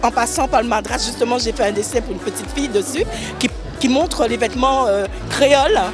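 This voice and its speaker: A woman's voice: a little high, brisk, over music. A woman fashion designer and children's author, answering at length with many hesitations and fillers. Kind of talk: interview at a fashion show.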